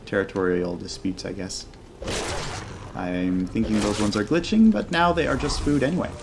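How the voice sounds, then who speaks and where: A man's voice: lowish voice, normal speed, gravelly, over music. A man hosting a gaming channel, giving chatty mod showcase commentary and thinking aloud as he plays. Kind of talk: casual video game mod showcase commentary.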